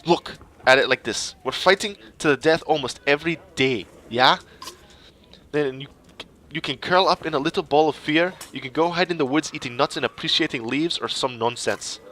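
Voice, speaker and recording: A man's voice: on the high side, fairly bright tone, close to an everyday voice. A man voicing a brash, cocky young male Viking warrior in a fantasy game. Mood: goading. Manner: swaggering, bold.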